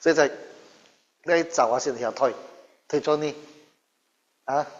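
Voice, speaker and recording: Higher-voiced man teaching a Bible lesson. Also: slow pace. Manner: animated storyteller, quizzing listeners. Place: church hall. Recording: dull recording in a reverberant hall.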